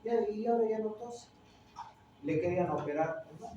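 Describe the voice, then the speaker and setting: A middle-aged man with a Peruvian accent lecturing a classroom, a touch higher-pitched than most men. He keeps firing tag questions at his students between points. The room is very echoey and he sits well away from the mic, with a faint hiss behind. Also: moderate pace, far from the mic, muffled recording. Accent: Peruvian Spanish. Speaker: teacher.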